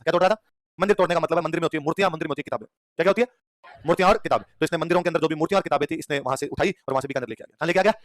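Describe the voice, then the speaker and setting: Rapid-fire man quizzing a class. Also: a little high, dry recording, studio quality. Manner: rapid-fire quizzing, repeats questions, laughs between points. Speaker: history teacher. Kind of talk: exam revision lecture.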